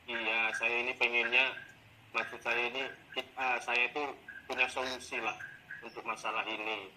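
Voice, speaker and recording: A man's voice: medium pitch, moderate pace, a little hiss or hum, rough recording. Exasperated teacher venting about his class. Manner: complaining, exasperated, animated retelling. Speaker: teacher in coaching role-play. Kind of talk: role-played coaching session.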